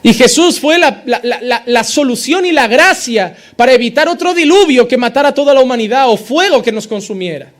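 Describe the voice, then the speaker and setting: Pastor, male, very high voice, driving sermon cadence. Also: expressive, brisk, hardly any pauses. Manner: preaches with rising insistent repetition, acting out quoted believers.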